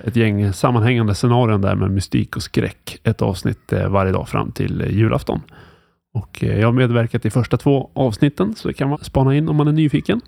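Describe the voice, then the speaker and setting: A man hosting a casual podcast about roleplaying games, relaxed and thinking aloud with many fillers. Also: mid-range voice, gravelly, no echo, clean studio sound. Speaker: podcast host.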